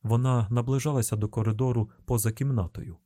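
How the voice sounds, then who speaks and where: A male narrator with a Ukrainian accent tells the story in a tense, measured voice. His tone is warm and dark, recorded dry and close to the mic. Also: medium pitch, steady tone, no echo. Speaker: audiobook narrator. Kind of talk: scripted narration.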